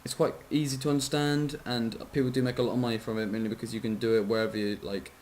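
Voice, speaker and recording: A man's voice: mid-range voice, level tone, quick pace, darkish tone. A drowsy man talks through a casual game tutorial in an ordinary mid-range voice. He rambles, keeps apologizing, trips over numbers and corrects himself, with the odd swear. A faint hiss sits under his voice. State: sleepy, yawning.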